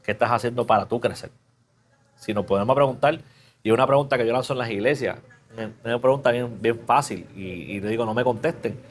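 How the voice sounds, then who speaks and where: A man preaching in a relaxed, conversational way, teaching a Bible class and often asking the listeners questions. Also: medium pitch, fairly quick, slight background noise. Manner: casual, chatty, asks the class questions; mixes English fillers into Spanish.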